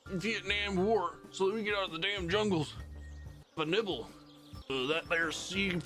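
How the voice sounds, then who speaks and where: A man on a stream voicing a rambling, crude old male war veteran in a high, thin put-on voice. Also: a little slow, bright, forceful tone, soft background music. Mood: rambling reminiscence. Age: older.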